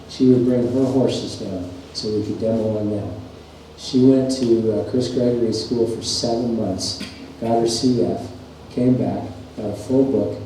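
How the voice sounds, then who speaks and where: A man's voice: lowish voice, dark tone. A middle-aged man telling folksy, rambling stories as a farrier instructor at a clinic presentation. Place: large workshop or clinic hall. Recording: echoey shop, mic far off, faint hum.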